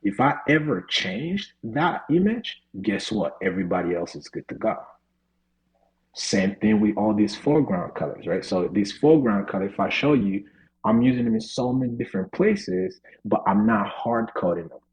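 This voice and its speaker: With a lowish, sing-song, slightly mellow voice at a moderate pace, this man runs a live coding lesson on a video call. He talks informally, leaning on "right?" and "you know," over a rough recording.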